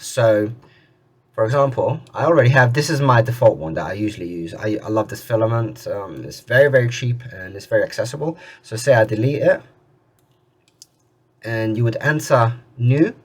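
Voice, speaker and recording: A man talks through a software tutorial in a relaxed, chatty way. He restarts sentences often and throws in mildly exasperated remarks. His pitch sits in an ordinary middle range for a man. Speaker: 3D printing tutorial creator. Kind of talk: casual screen-recorded tutorial.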